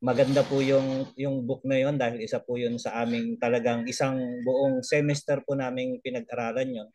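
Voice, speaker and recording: A man's voice: mid-range voice, flat delivery, normal speed, a little mellow, slight background noise. A man, sharing a report in a casual video-call talk, mixing in English, chuckling and restarting his phrases. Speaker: elder trainee sharing a report.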